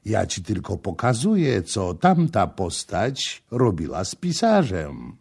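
A man voicing a passionate, proud young prince in a storybook reading, low and insistent, with a gravelly, dark voice. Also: huge pitch swings, slow pace, full character voice. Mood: ardent. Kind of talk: audiobook character reading.

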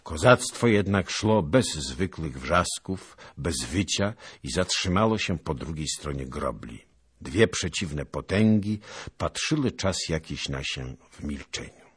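A man reading a classic novel aloud in slow, expressive storytelling narration. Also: extremely low pitch, husky. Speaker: audiobook reader.

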